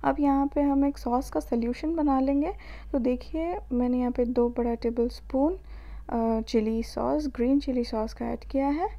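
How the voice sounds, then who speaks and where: A high-pitched woman with an Indian accent gives a voice-over for a home cooking tutorial. Her tone is soft and mellow. She calmly walks through each step and pauses now and then to think. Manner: calm step-by-step instructions with filler pauses. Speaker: cooking channel host.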